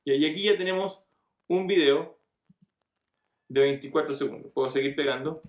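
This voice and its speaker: A man's voice: a little high, normal speed. A middle-aged man giving a casual step-by-step computer tutorial, often checking in with the viewer, recorded on a desk webcam in a small room. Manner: casual step-by-step explaining with frequent checks like "¿cierto?". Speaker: online marketing tutor. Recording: echoey room.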